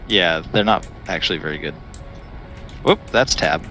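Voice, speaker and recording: Dry-voiced man, lively pitch. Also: normal speed, over music. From United States. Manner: dry, terse answers. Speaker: co-op gaming partner. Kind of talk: casual gaming chat.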